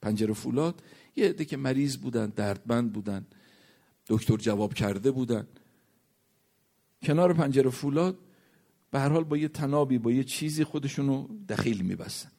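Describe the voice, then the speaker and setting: A man's voice: lively intonation, creaky, pauses often, warm tone. A man preaching a sermon, reciting Arabic verses and hadith and telling a story, his voice rising and sinking to a near whisper. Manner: rises and falls in pitch, drops to a near whisper at points.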